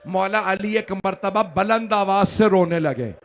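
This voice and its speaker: A man preaching a mourning sermon to a gathering, moving from hushed storytelling to wailing, shouted lament. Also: high-pitched, a little slow. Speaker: Shia cleric reciting a majlis.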